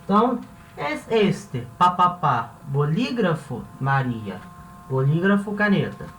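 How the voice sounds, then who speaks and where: A woman's voice: sits low, sing-song, slow pace, slight background noise. A woman who teaches a language lesson. She explains each step patiently and often checks in with the class. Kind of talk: classroom-style video lesson. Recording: roomy echo, voice from a distance off the mic.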